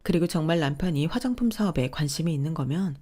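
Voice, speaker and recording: A young adult woman calmly narrating a personal family story in scripted form. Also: deep voice, fast, faint music behind. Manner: calm, recounting.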